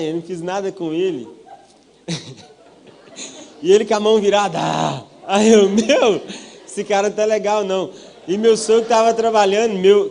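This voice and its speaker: This is a young Brazilian pastor delivering a funny testimony sermon: he recounts his own story, cracks jokes, and acts out other people's lines. His high-pitched voice is a little mellow, with slight background noise.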